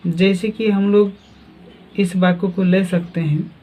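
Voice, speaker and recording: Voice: medium pitch, fairly even intonation, takes it slowly, dark tone, a little hiss or hum. A teacher giving a grammar lesson, asking questions and then answering them. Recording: tinny phone-like sound.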